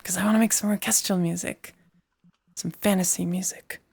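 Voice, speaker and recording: A woman's voice: lowish voice, fairly even intonation, a little fast, creaky, darkish tone, husky. A woman composing music live in VR, chatting casually with her stream audience, laughing often and muttering to herself over technical glitches.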